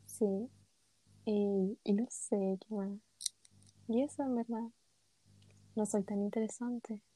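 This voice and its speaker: A woman's voice: mid-range voice, fairly even intonation, takes it slowly, warm tone, a little hiss or hum. A young woman with a Chilean accent, co-hosting a casual podcast, hesitant and self-deprecating, with many fillers. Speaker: podcast co-host.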